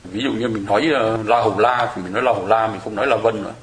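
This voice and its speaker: A man's voice: lowish voice, steady tone, rapid-fire, crowd noise. A man giving a chatty, explanatory Buddhist sutra lecture to a congregation, with small laughs now and then. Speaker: Buddhist dharma teacher. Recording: echoey room.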